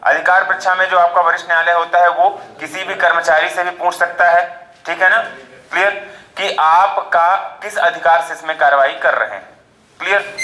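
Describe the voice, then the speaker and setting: Bright-voiced male teacher lecturing. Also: fairly high pitch, echoey room, rough recording. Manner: explains slowly, checks understanding with frequent tag questions. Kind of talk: classroom lecture.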